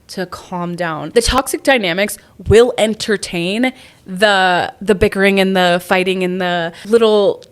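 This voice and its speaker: A young woman at an ordinary middle pitch hosts a podcast and talks through dating advice. She sounds candid and reflective, as if she is working through her own feelings, and her speech is loose and full of "like" fillers. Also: measured pace, clean tone. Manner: reflective and confessional, with many "like" fillers. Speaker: podcast host. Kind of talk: candid relationship advice monologue.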